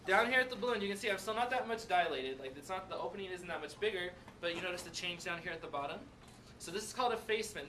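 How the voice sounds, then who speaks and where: A man teaching a classroom demonstration, animated and often checking in with "right?" and "okay?". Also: sits high. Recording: distant camera mic, noisy room.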